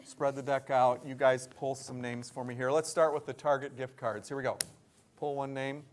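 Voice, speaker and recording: A man doing live school morning announcements, upbeat and rattling off long lists of names with bursts of excitement. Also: medium pitch, normal speed, slight background noise.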